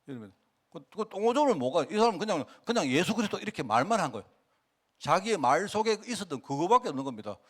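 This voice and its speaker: Animated Gyeongsang-accented male pastor. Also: high-pitched, rapid-fire. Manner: animated, colloquial, quotes people in dialogue. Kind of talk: sermon.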